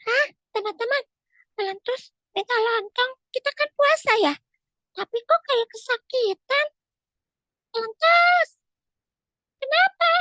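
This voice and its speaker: A woman voicing an earnest little schoolgirl in a storytelling session for children, in a squeaky childlike voice. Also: a little slow, pauses often, bright, forceful tone, no echo, highs cut off, full character voice. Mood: worried. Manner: earnest, chatty, talks to the young audience.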